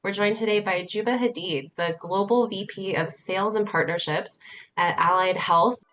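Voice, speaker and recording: A woman's voice: medium pitch, moderate pace, a bit bright, faint music behind, poor audio. A woman hosting a podcast, welcoming a guest and introducing the show in an upbeat manner, with some fillers. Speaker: podcast host.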